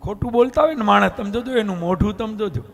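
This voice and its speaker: A male katha storyteller, telling a devotional story in an animated, exclamatory way. His voice is high and gravelly, and he speaks slowly. Faint sitar music plays underneath. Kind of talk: devotional scripture discourse.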